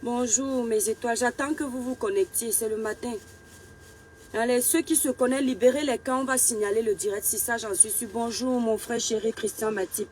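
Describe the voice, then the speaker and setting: A woman hosting a casual live stream, warmly greeting viewers one by one and urging them to share. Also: fairly high pitch, steady tone, normal speed. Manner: greets viewers by name, affectionate.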